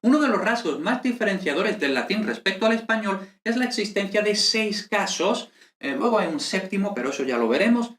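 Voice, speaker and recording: Man, Latin teacher, slightly high voice, chatty lesson, echoey room. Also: brisk. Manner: lively and conversational, with many fillers and tag questions. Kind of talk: online lesson explaining over slides.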